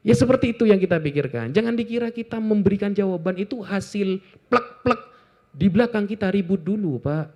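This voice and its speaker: A man from Indonesia, talking informally to an audience in a joking, animated way with lots of asides. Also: sits high, brisk, dull audio. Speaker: Islamic apologetics speaker.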